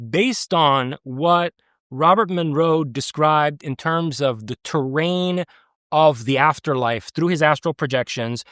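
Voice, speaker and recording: A man from the United States, a guest in a conversational interview, has a slightly high, fairly bright voice. He's earnest and emphatic, often restarting mid-thought. The audio is dry, clean studio sound.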